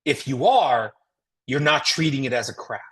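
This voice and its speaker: This network marketing trainer has a rumbling low, husky voice and an American accent. She speaks at a normal speed with plenty of expression, coaching on sales in an emphatic, folksy, motivational way and leaning on rhetorical questions.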